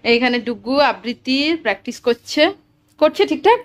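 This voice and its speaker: A woman's voice: sits high, lively intonation, normal speed. A woman in her thirties, a mother, chatting casually to camera at home, cooking and talking about her family in an easy, doting way. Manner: chatty, doting baby talk with her child. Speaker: vlogger and mother. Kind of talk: casual home vlog narration. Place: home kitchen.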